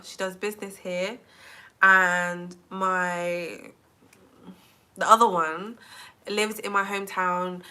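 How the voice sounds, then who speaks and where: Young woman from England, bright tone, rambling live-stream vlogger who says "like" a lot. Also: lowish voice. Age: 20s. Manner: chatty, says "like" constantly, animated. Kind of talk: casual live-stream chat.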